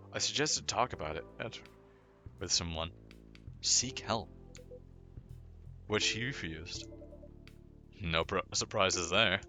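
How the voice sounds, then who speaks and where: A man's voice: on the low side, bright, forceful tone. A man hosting a game playthrough, reading the characters' dialogue aloud and often stumbling and correcting himself. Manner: hesitant, frequent restarts and self-corrections. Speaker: gaming channel host.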